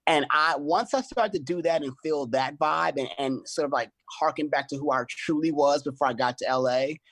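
A middle-aged man in casual conversation, an animated storyteller who acts out his own quoted lines. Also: fairly high pitch, moderate pace, breathy edge, no room sound. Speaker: choreographer and podcast guest.

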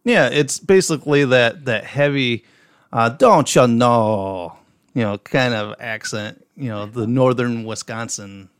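This Upper Midwest American man co-hosts a casual podcast, telling stories and reading out listener messages with some profanity. He speaks unhurriedly in a smooth, mid-range voice, recorded dry.

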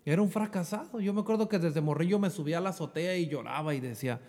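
A Mexican man recounts his own story in earnest, slipping English fillers into his Spanish. His voice sits somewhat high. The recording carries a long, hall-like reverb. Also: fast talker, darkish tone. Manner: earnest, repeats "bro" and mixes in English fillers. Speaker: guest sharing a faith testimony. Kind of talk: emotional personal testimony.

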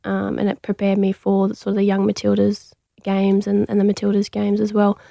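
A young Australian woman, an athlete appearing as an interview guest, chats casually in a relaxed way full of fillers and restarts. Her mid-range voice stays level within a narrow range, with gravelly fry and a brisk pace. The studio recording sounds dry and close.

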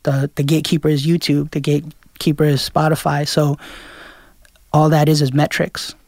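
A man's voice: on the high side, level tone, normal speed, a little mellow, no echo, clean studio sound. A man from Queens, a DJ guest talking loosely in an interview, full of fillers and restarts. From Queens, New York. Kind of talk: casual interview chat.

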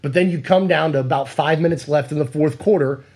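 Male podcast host, slightly high pitch, casual conversational lead. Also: brisk, darkish tone, slightly rough. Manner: conversational, leads the questions. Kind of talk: casual sports podcast chat.

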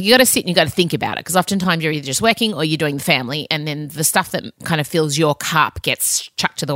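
Podcast host, woman, lowish voice, close dry recording, candid and chatty. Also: a bit bright, dry recording. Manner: candid, chatty, self-mocking, sweary. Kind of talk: casual confessional podcast monologue.

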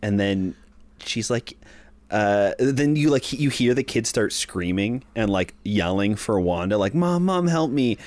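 A man's voice: lowish voice, unhurried, darkish tone, dry recording. A man co-hosting a podcast, talking enthusiastically in casual chat, with lots of "like" fillers and restarts. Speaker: podcast co-host. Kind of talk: casual show recap chat.

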